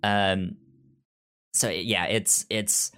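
Extremely slow and smooth, this young podcast co-host speaks in a fairly low, bright, forceful voice with fairly even intonation. In the casual review chat he stutters heavily, repeating word beginnings many times.

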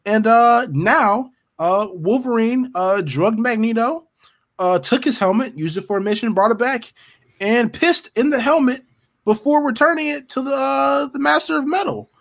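A man's voice: extremely high pitch, moderate pace, creaky, fairly bright tone. A man co-hosting a casual comic book podcast, riffing playfully with crude, slangy frat-bro banter. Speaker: podcast co-host. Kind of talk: casual comedic chat about comic books.

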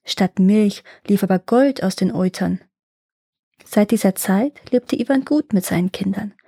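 A woman reading a fairy tale aloud in a calm, measured way. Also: mid-range voice, creaky, dry recording, clean studio sound. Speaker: storyteller.

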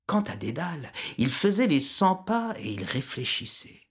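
A woman narrating a storybook tale, expressive with whispered asides. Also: fairly low pitch, normal speed.

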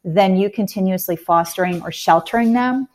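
A woman's voice: medium pitch, normal speed, a little mellow. A woman guest in a casual business interview, talking conversationally with fillers and emphatic stretches.

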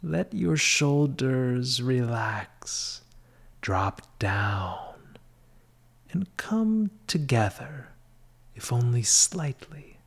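A man guides a meditation in a soft, breathy, half-whispered voice like something you'd hear at a spa, soothing and measured. His pitch sits in the middle with a sing-song lilt, and he leaves long pauses between short phrases.

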